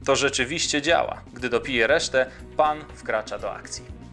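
A man's voice: medium pitch, normal speed, sharp tone, soft background music. A man reading aloud the lines of a caring, bossy middle-aged woman healer, urgent and commanding.

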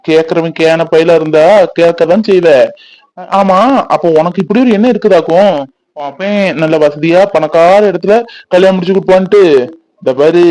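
A man's voice: sits high, darkish tone, no room sound, natural voice, low-quality recording. A young man, playing a teasing, boastful village youth who dotes on his sweetheart. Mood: stern. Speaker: actor in a family fan drama. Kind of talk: village romance drama acting.

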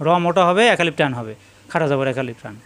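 A man teaching Quran letter pronunciation step by step, drilling each letter slowly and chanting drawn-out Arabic sounds. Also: fairly high pitch, animated, a bit bright. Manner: slow, drilling letter sounds one by one and repeating them.

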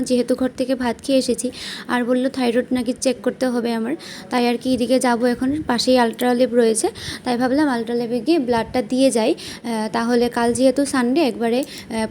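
Young Bengali woman vlogger, high and even-toned, talking through a day while feeling sick; faint noise behind. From West Bengal, India. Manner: chatty, plain-spoken, many fillers. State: unwell with stomach pain. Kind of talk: casual vlog narration. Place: at home and out and about.

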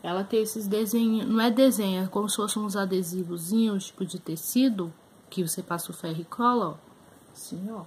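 In poor audio with slight background noise, a Brazilian vlogger talks fairly quickly in a mid-range, darkish voice. The young woman, whose accent is Brazilian Portuguese, chats casually to camera in a small room about her thrift finds, showing them up close with many fillers.

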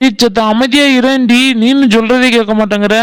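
A man voicing a sharp-tongued village woman in a cartoon, scolding and insulting her friends. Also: very high-pitched, fairly even intonation, brisk, smooth. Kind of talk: cartoon voice acting.

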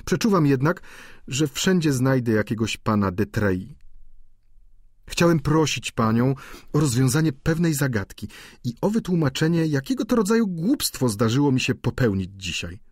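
A man's voice: medium pitch, big pitch swings, moderate pace, a little mellow, husky, dry recording, studio quality. A man voicing an ambitious, earnest young student in an audiobook, with an eager manner.

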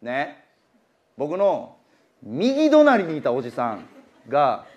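A young man with a Kansai accent telling a comic story as a stand-up monologue, acting out his own shouting as he goes. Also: fairly high pitch, wildly swooping pitch, slow pace, highs cut off. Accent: Kansai Japanese. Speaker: comedian.

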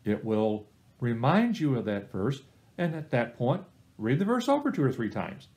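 A middle-aged man leading a recorded church small-group Bible study, giving plain, step-by-step advice in an unhurried teaching manner. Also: mid-range voice, big pitch swings, darkish tone.

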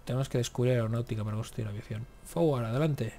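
Fast and warm-toned, a man's medium-pitched voice carries a casual let's-play of a strategy game, with a little hiss or hum in the audio. The gaming YouTuber mutters to himself and curses at the game.

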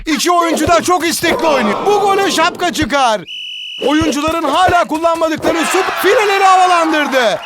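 A man playing an excitable football commentator in an arcade video game, screaming out short exclamations and drawn-out goal calls. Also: extremely high pitch, over a noisy crowd, heavy background noise. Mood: keyed-up.

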